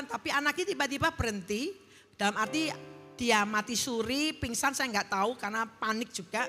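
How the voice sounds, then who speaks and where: A high-ish, sharp-toned female voice belongs to a middle-aged preacher sharing her testimony in a sermon. She recounts her story with earnestness and guides the congregation through call-and-response, her words echoing in a large church hall over faint music.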